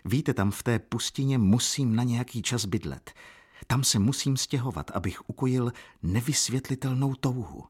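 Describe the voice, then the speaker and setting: A man's voice: medium pitch, slightly rough, pitched above the performer's own voice, natural voice. A man doing a weary, brooding young man. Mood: wistful. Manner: tired, brooding, quiet.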